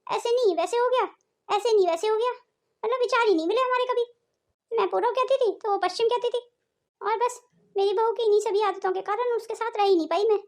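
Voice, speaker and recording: A woman's voice: very high voice, brisk. A woman voicing an older woman in a cartoon who grumbles about her daughter-in-law. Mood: grumbling.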